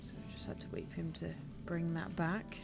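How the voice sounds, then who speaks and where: Woman doing a chatty walking vlog, bit of vocal fry, music in the background. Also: on the low side, little pitch movement, brisk. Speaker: vlogger narrating a countryside walk. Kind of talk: casual chat.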